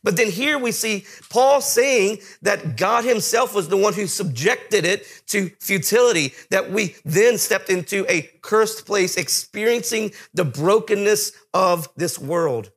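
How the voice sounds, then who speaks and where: A man's voice: sits high, animated, a little slow, few pauses, fairly bright tone. A man in his thirties preaching a conversational sermon, telling a family story with many fillers and restarts. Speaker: pastor.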